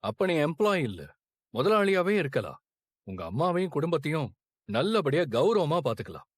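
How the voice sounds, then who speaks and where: A man's voice: a little high, sing-song, normal speed, husky, no room sound. A man voicing a generous young hotel owner who persuasively offers a partnership in a drama dub.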